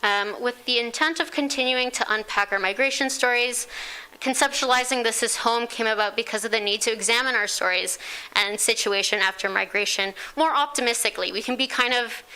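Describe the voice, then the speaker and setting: A woman's voice: on the high side, a little fast, bright, forceful tone, clear, resonant tone. A woman giving a casual community presentation, with frequent ums and self-deprecating asides. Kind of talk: public talk to a small audience.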